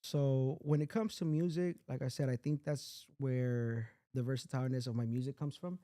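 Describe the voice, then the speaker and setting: A man's voice: mid-range voice, steady tone, moderate pace, mellow. A young man from Inglewood, telling his story in a laid-back, slangy way as an interview guest. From Inglewood, California. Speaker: music artist guest. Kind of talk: casual interview chat.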